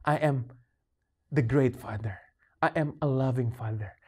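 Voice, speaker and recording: God as a calm, loving father, voiced by a man. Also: medium pitch, takes it slowly, slightly rough, voice pushed down. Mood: reassuring.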